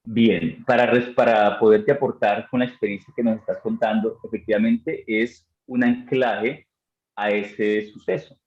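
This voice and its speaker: A man's voice: lowish voice, fairly even intonation, a little slow, a little mellow. A man teaching a live online class on mind and meditation, answering chat questions in an encouraging, effusive way, with hesitant fillers as he thinks aloud. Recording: dull, roomy sound.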